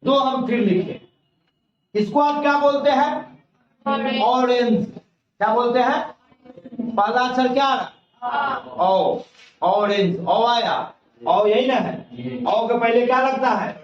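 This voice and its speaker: A male grammar teacher giving a colloquial classroom lecture, explaining step by step and asking and answering his own questions. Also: very high-pitched. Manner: folksy, colloquial teaching style. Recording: echoey, distant, dull lo-fi classroom recording.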